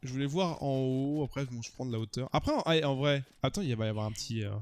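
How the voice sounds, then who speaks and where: A man's voice: mid-range voice, animated, fast, a little hiss or hum. A man streaming a video game, talking casually with joking asides to his viewers. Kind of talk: casual gaming commentary.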